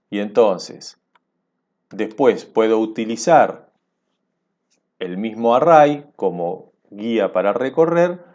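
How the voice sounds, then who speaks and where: A man's voice: fairly low pitch, warm tone, lo-fi sound. A man teaching a programming lesson over a screencast, explaining step by step and checking in with his listeners.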